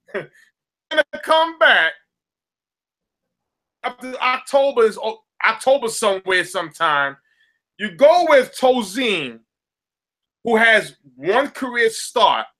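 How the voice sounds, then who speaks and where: This man's voice sits extremely high and sounds pushed and bright, very animated yet slow, with frequent pauses. He co-hosts a casual sports podcast in a Southern US accent, ranting with energy and repeating words as he works himself up.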